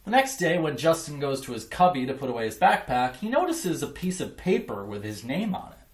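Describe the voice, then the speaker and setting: A man reading a children's picture book aloud in an expressive, emphatic way, like a teacher. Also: on the high side, a little fast. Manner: emphatic, acts out dialogue. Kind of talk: expressive children's storybook narration.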